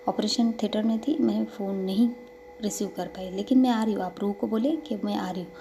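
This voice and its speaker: A woman voicing a caring young cardiologist who is a doting mother, talking softly and affectionately. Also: mid-range voice, steady tone, brisk, slight background noise, close to an everyday voice. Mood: gentle. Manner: soft, affectionate pleading.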